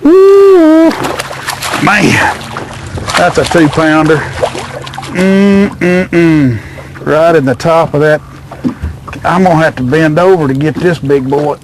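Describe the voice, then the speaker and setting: A man's voice: fairly high pitch, moderate pace, noisy background. A middle-aged man hosting a fishing show from a small boat on a lake, hollering and cooing at the fish as he reels them in. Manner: excitable, hollers and coos at the fish. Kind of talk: excited outdoor fishing commentary.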